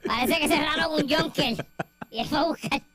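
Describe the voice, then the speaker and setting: A woman's voice: high-pitched, moderate pace, background noise, lightly acted. A woman with a Puerto Rican accent voicing a grumpy, gossiping rat who hates everyone, in a radio comedy sketch. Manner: cranky, complaining gossip. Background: music.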